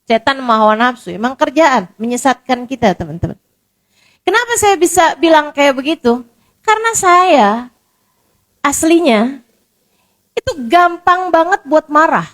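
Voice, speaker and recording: Woman preaching in a chatty way, kinda high voice, keeps repeating herself and asking the crowd stuff. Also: lively intonation, unhurried, pauses often, fairly bright tone. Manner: repetitive, conversational, rhetorical questions. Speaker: Islamic preacher. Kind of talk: casual sermon.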